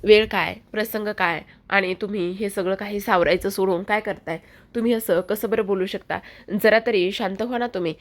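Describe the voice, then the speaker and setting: A woman's voice: mid-range voice, steady tone, normal speed, lightly acted. A woman voicing an indignant young man who scolds with rhetorical questions.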